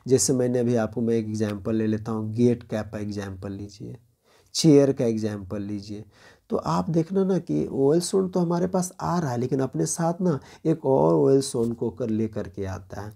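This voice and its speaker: A man from India teaching an exam-prep phonetics lesson, explaining step by step, reading English lines slowly with an Indian accent and checking in by asking "clear?". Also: medium pitch, warm tone.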